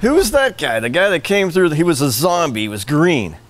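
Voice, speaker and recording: A man who acted in the film, telling an animated, laughing anecdote from the shoot. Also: on the high side, brisk. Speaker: actor. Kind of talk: documentary interview.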